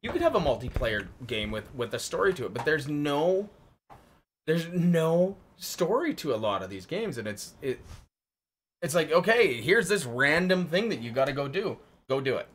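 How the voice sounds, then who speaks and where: A man co-hosting a casual gaming podcast. His pitch swings widely as he voices frustrated opinions. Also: big pitch swings, moderate pace, a bit bright. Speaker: podcast co-host. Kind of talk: casual gaming news chat.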